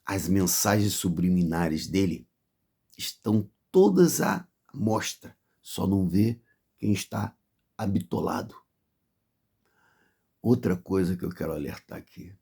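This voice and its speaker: A man's voice: low-pitched, a little slow, pauses often, mellow, slightly rough. A man with a Brazilian accent preaching a fervent sermon of warning, piling up repeated phrases.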